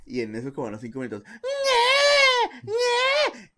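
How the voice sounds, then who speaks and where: A young man with a Mexican Spanish accent, co-hosting a podcast and telling a story in a casual chat, acting out shouting neighbors and laughing often. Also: racing. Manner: animated, acts out shouting neighbors with big jumps in pitch, laughs often. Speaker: podcast co-host.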